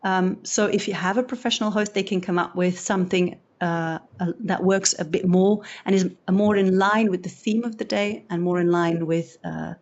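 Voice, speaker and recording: Speaking at a normal speed with few pauses, a non-native English-speaking woman from Belgium gives a conversational talk as an event host. Her voice sits on the low side and the audio sounds dull. She animatedly acts out small quotes and often starts her sentences over.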